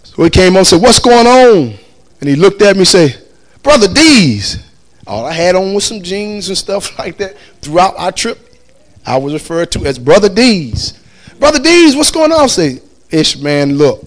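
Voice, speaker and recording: A man's voice: high-pitched, moderate pace. A man telling a story casually, acting out the people he quotes and laughing as he goes. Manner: animated, acts out quoted voices, laughs often.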